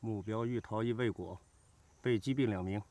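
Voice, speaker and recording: An actor playing a disciplined army scout in a TV drama, giving clipped, procedural reports. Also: male voice, fairly low pitch, fairly even intonation, normal speed, very noisy, lightly acted. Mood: businesslike, focused. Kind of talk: military TV drama dialogue.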